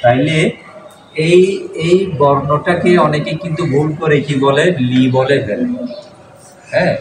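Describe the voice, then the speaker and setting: In a fairly high, unhurried voice, a man who is a Buddhist monk teaches his class to pronounce letters, patiently going over each sound again and testing the students. The lesson takes place in a classroom with a board. The sound is echoey and noisy, captured by a faraway mic.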